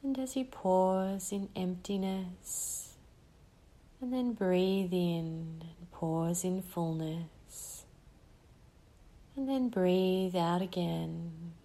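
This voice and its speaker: Slow, soothing woman guiding meditation. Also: fairly low pitch, dark tone. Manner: slow, soothing, with long pauses. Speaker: meditation guide. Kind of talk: guided meditation.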